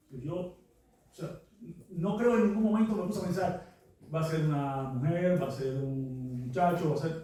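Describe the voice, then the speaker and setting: A man, a novelist presenting his book, telling anecdotes in a relaxed way with lots of fillers. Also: on the high side. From Cuba. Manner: relaxed storytelling with frequent fillers. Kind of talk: anecdotal talk at a book launch. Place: book presentation venue, large room. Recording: very echoey room, mic far off.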